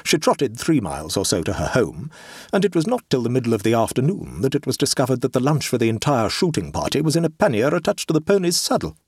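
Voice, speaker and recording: A man doing a cool, deadpan teller of tall tales. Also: mid-range voice, fast talker, slightly rough, dry recording, studio quality. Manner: cool, deadpan, with dramatic emphasis. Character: dry, evasive man telling a tall tale.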